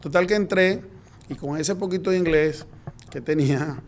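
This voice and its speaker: A middle-aged man from Venezuela, a guest in an interview, telling his story in a lively way and acting out the dialogue. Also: a little high, moderate pace, a little hiss or hum. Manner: lively anecdotal, acts out quoted dialogue.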